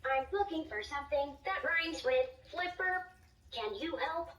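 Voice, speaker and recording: Sing-song and encouraging, the high voice of a little toy robot tutor is lively in intonation, measured in pace and fairly bright. A voice actor performs it, and it plays through a toy speaker in a room, captured from afar with roomy sound and music.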